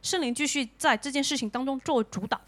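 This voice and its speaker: Brief: female sermon interpreter, high voice, rapid even phrase-by-phrase delivery. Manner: echoes each phrase promptly and evenly.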